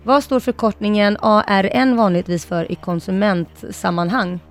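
A woman's voice: medium pitch, fairly even intonation, soft background music. Upbeat woman reading quiz questions. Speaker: radio co-host and quizmaster. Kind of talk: radio show banter and quiz reading.

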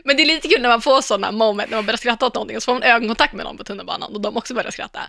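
A woman co-hosting a podcast in casual chat, chatty and quick to laugh, telling stories. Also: on the high side, creaky, bright, forceful tone, no echo, studio quality. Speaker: podcast co-host.

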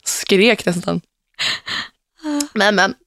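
Animated young woman podcast host. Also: mid-range voice, vocal fry, dry recording, studio quality. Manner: animated storyteller, acts out quotes, laughs often. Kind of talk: casual podcast chat.

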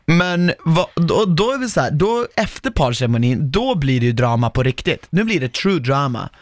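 A young man co-hosting a casual podcast, animated and quick to laugh, acting out what others said. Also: fairly high pitch, no echo, clean studio sound. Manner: animated, laughs often, acts out quotes. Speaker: podcast co-host. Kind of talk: casual chat recapping a reality show.

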